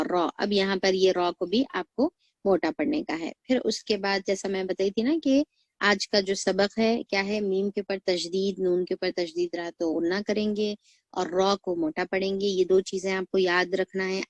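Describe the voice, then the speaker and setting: A woman teaching recitation to beginners, patiently repeating words slowly for learners to copy. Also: medium pitch, dry recording. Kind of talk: recitation lesson.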